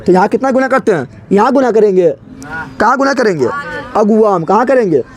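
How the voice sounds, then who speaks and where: A man's voice: high-pitched, animated, brisk. A male teacher teaching a chemistry lesson playfully, often asking a question and answering it himself.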